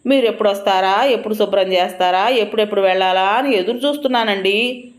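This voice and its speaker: A woman voicing a young village wife who acts naive and polite but is quietly sly. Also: medium pitch, quick pace, voice pushed up, lightly acted. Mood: innocent. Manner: sweet, naive-sounding, polite.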